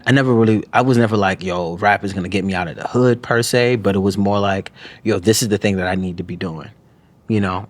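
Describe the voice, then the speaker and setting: Deep-voiced man, halting reflective talk. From New York, USA. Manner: halting, frequent restarts, peppered with "you know what I'm saying". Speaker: guest, author and poet.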